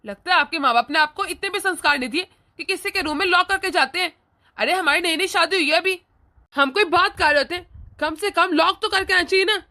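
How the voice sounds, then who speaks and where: A scornful young husband in a cartoon, voiced by a woman. He scolds and sneers, and the voice sits very high. Its tone is bright and cutting. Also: brisk. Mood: scolding. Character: young husband, rude and scornful to his mother. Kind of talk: cartoon voice acting.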